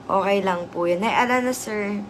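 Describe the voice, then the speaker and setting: A hoarse woman hosting a casual livestream, chatty and teasing as she greets viewers. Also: mid-range voice, moderate pace, slight background noise. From Southern Leyte, Philippines. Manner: chatty, teasing, laughs often. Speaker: livestream host.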